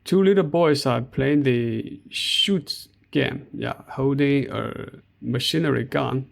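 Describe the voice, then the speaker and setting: Narrating as he strolls through an outdoor park, a middle-aged Chinese vlogger speaks with a Chinese accent. His delivery is slow, hesitant and packed with fillers, pitched in the middle range with noticeable vocal fry.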